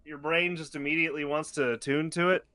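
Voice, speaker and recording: A man's voice: on the high side, steady tone, fast talker, sharp tone, no room sound. A man co-hosting a podcast in casual chat, rambling and losing his train of thought. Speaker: podcast co-host.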